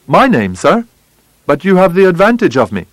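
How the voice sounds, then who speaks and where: A man voicing an unruffled, witty gentleman detective in an audiobook, speaking in a bland, quietly amused manner. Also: sits high, huge pitch swings, normal speed, dry recording, pitched above the performer's own voice. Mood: bland, calm. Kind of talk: audiobook character voice.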